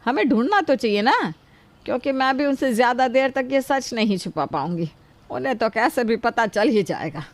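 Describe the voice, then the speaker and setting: Give me a woman playing an older cartoon mother-in-law who scolds gently, with a high, lively voice. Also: moderate pace, no echo. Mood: fond. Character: older mother-in-law, protective and soft-hearted. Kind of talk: cartoon voice acting.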